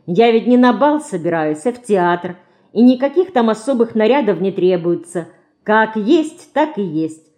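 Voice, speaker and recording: A woman voicing a modest, gentle mother who frets over her children in an audiobook. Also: medium pitch, animated, moderate pace, pitched above the performer's own voice, natural voice. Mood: fretting.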